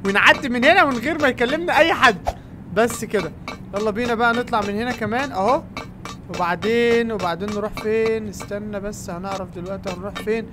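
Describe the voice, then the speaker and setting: A man with an Egyptian Arabic accent giving excitable let's-play commentary as a gaming YouTuber, crying out at near-misses. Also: sits high, fast, background noise.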